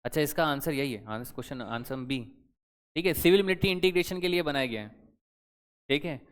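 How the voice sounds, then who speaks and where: A man's voice: a little high, fairly quick, a bit bright, smooth. Man teaching in a reverberant hall. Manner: conversational, quizzing students with rhetorical questions. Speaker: current affairs teacher. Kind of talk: exam-prep lecture.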